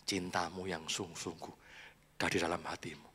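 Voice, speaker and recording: A man's voice: sits low, flat delivery, normal speed, fairly bright tone, slightly rough. A man preaching a sermon, chatty and confiding, laughing often between points. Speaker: pastor. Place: church hall. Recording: echoey church hall.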